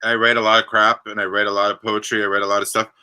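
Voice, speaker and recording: Very bright, forceful low-voiced male host. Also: little pitch movement, clean tone. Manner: halting, repeats words as he gathers thoughts. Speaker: show host. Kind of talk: casual, unscripted interview chat.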